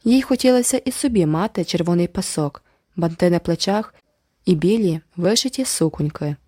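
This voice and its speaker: A woman narrating a novel in a measured storytelling voice. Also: lowish voice, lively intonation, mellow, dry recording, clean studio sound. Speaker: audiobook narrator. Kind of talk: scripted narration.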